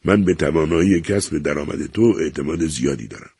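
A man doing a cold, measured wife. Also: extremely low pitch, darkish tone, husky, no room sound, studio quality. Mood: cold firm. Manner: measured, firm, unyielding.

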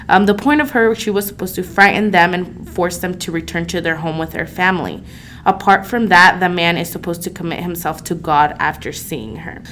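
There's faint background noise as a podcast co-host, a young woman from El Salvador, shares folk legends. Her lowish voice is a bit bright, and her delivery is casual and conversational, packed with fillers such as "um" and "you know."

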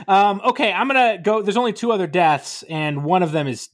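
A man co-hosting a casual podcast chat about a play, talking in lively bursts and reading verse aloud with loud drama. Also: sits high, moderate pace. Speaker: podcast co-host.

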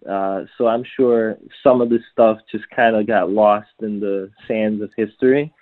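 A man speaks in a relaxed podcast chat, his sentences stopping and starting as he searches for words. His voice sits on the low side. The sound is thin and narrow, like a phone call. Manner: halting, many restarts and fillers. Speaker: customer service at a trouser maker. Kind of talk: casual podcast conversation. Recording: tinny phone-like line.

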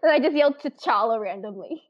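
Excitable woman co-host, dull recording. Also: on the high side, a little fast, crowd noise. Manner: gushing, excitable. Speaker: podcast co-host. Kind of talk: casual chat among friends.

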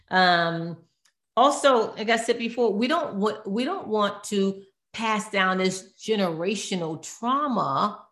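A woman therapist speaks earnestly in a lowish voice, often pausing to find the right word and restarting her phrases. Her voice carries a noticeable room echo. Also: a bit bright. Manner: earnest, searching for words, self-correcting. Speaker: therapist guest. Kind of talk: conversational expert talk. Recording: roomy echo.

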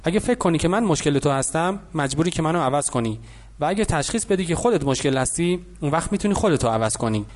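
A man voicing a wealthy older businessman who calmly lectures a boy in an audiobook. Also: on the high side, close to an everyday voice. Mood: lecturing. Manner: patient, instructive.

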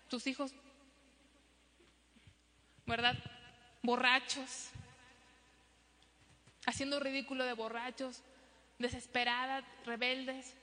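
Animated woman preaching in a hall. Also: high voice. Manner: animated, acts out child and parent voices. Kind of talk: sermon to a congregation. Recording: long hall reverb.

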